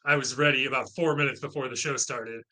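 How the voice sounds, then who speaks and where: A man's voice: medium pitch, fairly even intonation, fast, pushed and bright, rough recording. A man from central Pennsylvania, a guest on a podcast, chatting in a friendly, explanatory way. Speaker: guest, math content creator. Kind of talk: casual interview chat.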